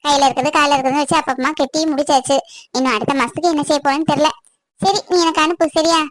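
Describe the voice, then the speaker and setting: A woman's voice: sits high, steady tone, rapid-fire, lightly acted. A woman voicing a worried young woman in a cartoon, chatting frankly on the phone about money and work. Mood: fretting. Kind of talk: cartoon voice acting.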